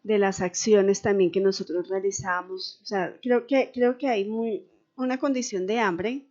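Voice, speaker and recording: A woman's voice: medium pitch, fairly even intonation, measured pace, darkish tone. A woman co-hosting a Bible radio program, thinking aloud with hesitant restarts. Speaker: radio co-host. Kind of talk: radio conversation. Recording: dull radio recording with faint music.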